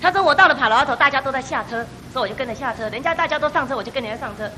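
Middle-aged woman, church testimony, fast and bright, animated storyteller acting out quotes, slightly high. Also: a little hiss or hum. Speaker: church member giving testimony. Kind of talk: personal testimony.

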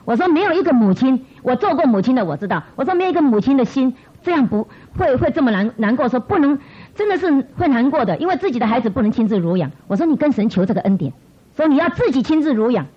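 Animated woman preaching a sermon. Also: fairly high pitch, breathy edge. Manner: animated storytelling, repeating phrases. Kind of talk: testimony sermon. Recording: muffled lo-fi recording.

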